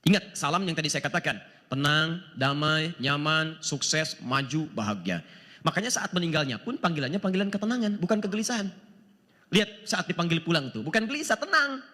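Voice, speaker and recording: Male preacher, high and very lively, bright voice, sermon in a reverberant large hall. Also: a little fast. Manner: animated, asks the audience rhetorical questions, chuckles; quotes scripture in Arabic. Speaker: Islamic preacher. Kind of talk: sermon to a live audience.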